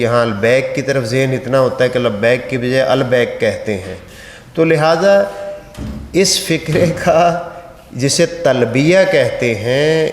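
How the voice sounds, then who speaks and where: A man from Pakistan with a Pakistani accent, giving a religious training lecture on pilgrimage rites, instructive and mixed with light humorous stories. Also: medium pitch. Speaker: Hajj trainer. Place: large mosque hall. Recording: echoey reverberant mosque hall.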